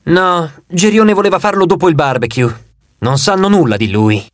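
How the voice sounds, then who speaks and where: A man voicing a weary immortal cowherd who speaks in a low, tired drawl, in an audiobook. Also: normal speed, no room sound, natural voice.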